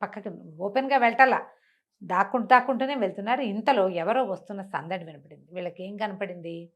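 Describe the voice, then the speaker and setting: A woman with a mid-range voice talks fast as she tells a fantasy folk tale for a web show. She keeps it conversational, asking rhetorical questions and repeating herself for effect.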